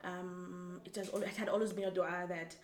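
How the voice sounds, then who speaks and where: A young woman from Zambia, whose first language is Tumbuka, answering interview questions in a thoughtful, halting way with many restarts. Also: on the low side, level tone. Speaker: guest. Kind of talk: casual interview. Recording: echoey room, faint background noise.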